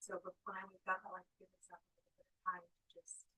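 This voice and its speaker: A woman in the audience speaking in short, halting pieces. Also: on the low side, monotone, bright, forceful tone, slightly rough, dry recording, poor audio.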